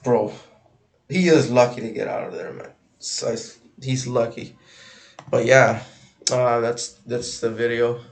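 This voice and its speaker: A man chats his way through a reaction video in a relaxed, slangy manner. His voice carries a gravelly fry, and he stumbles and repeats words as he goes. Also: mid-range voice. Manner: halting, repeats himself, slangy. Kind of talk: casual reaction commentary.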